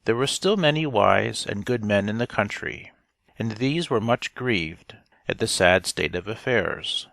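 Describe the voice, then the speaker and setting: Reading a scripted storybook as an audiobook narrator, a man speaks slowly and deliberately in a fairly low voice with a creaky edge. His tone is animated and fairly bright. The recording is dry, with no room sound at all.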